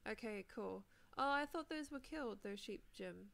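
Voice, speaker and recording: Animated and creaky, her mid-range voice has a fairly bright tone and moves at normal speed. The young New Zealander streams Minecraft live while recovering from a sore throat, chatting loosely with plenty of fillers and laughter.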